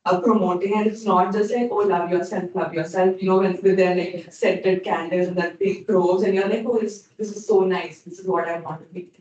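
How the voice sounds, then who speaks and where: A woman's voice: medium pitch, a little mellow, highs cut off. A young woman in a focus group, talking reflectively with many fillers. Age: young adult. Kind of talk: casual discussion. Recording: echoey distant meeting recording.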